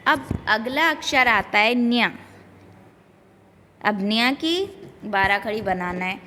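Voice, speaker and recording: A woman teacher slowly drilling syllables for young children, saying each sound twice in an online class. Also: a little high, sharp tone, big-room sound, slight background noise.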